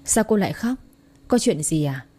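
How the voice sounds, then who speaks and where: A woman voicing a kind, caring nurse who speaks gently and solicitously. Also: on the low side, animated, normal speed. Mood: concerned.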